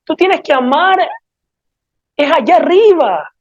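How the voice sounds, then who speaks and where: A woman's voice: high voice, animated, takes it slowly, no room sound. A woman preaching a sermon in an earnest, pleading way, often asking the listeners rhetorical questions. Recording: dull lo-fi dry sound.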